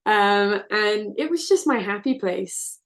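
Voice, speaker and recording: A singer-songwriter in her 20s from South Wales answers interview questions slowly and expressively in a mid-range voice. She comes across as earnest and open, telling her stories reflectively.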